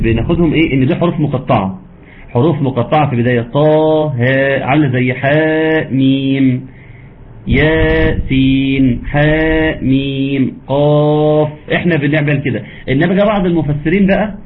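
A man with an Egyptian accent teaching Quran recitation rules in an online lesson, explaining patiently and chanting verses slowly. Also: a little high. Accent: Egyptian Arabic. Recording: tinny phone-line audio with faint background noise.

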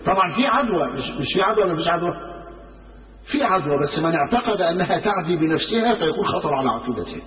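Egyptian guy preaching fast, high voice, far off mic in a big echoey hall. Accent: Egyptian Arabic. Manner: lively storytelling, acts out quoted speech. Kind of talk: sermon. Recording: roomy hall from far off, phone-like sound.

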